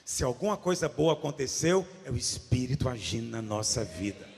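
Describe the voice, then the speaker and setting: Brazilian guy preaching, high voice that jumps all over, echoey church hall. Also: a little fast. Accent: Brazilian Portuguese. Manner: animated preaching, swinging from hushed asides to shouts. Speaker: pastor. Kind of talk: sermon.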